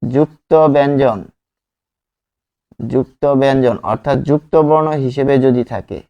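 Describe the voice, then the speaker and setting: A man teaching an exam-prep grammar lesson, speaking slowly, repeating example words and asking the class questions. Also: mid-range voice, mellow, dull audio.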